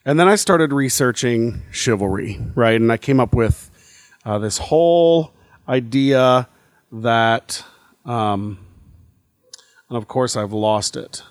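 A man of ordinary pitch co-hosts a podcast in loose, rambling chat, full of fillers and restarts as he works things out aloud. His voice sounds close and dry, with no room around it. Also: lively intonation, slow pace, no echo. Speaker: podcast co-host. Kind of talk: casual chat.

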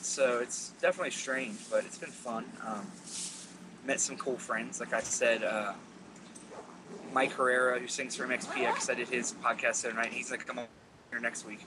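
Podcast host, man, laid-back and deadpan, mid-low pitch, clear background noise. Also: normal speed. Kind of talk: casual podcast chat.

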